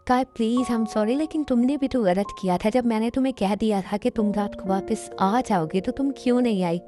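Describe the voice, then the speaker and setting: A woman's voice: a little high, fairly quick, faint music behind, lightly acted. A woman voicing a remorseful young husband who keeps pleading and apologizing in a fan-dubbed drama. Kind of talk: Hindi fan dub drama.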